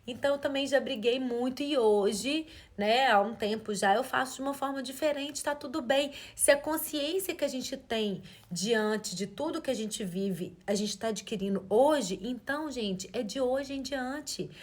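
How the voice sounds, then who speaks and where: A woman's voice: on the high side, moderate pace, hardly any pauses. A woman, giving a live parenting talk in an earnest coaching way and asking rhetorical questions. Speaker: parenting educator.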